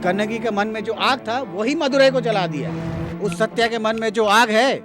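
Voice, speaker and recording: A man dubbing a rough, furious loyalist. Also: high-pitched, moderate pace, over music, lightly acted. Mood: angry scolding. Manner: rough, scolding, forceful. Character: rough working-class man, fiercely loyal to the hero. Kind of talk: dubbed film dialogue.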